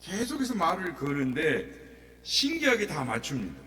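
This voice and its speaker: A male pastor preaches a sermon in a church sanctuary, dramatically telling stories and acting out the voices. His voice sits on the high side, swinging hugely in pitch, pushed and bright, at a normal speed. The echoey hall is picked up by a distant mic with a faint hum.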